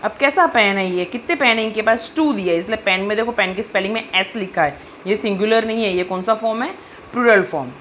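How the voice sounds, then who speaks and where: A woman teacher explains grammar to children in a patient question-and-answer style, reading sentences slowly. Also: mid-range voice, fairly bright tone, a little hiss or hum.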